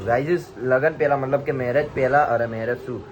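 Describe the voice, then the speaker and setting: A man's voice: mid-range voice, steady tone, brisk, background noise. A young man in casual vlog chat, teasing and joking with his wife. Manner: teasing, playful Gujarati banter. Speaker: vlogger.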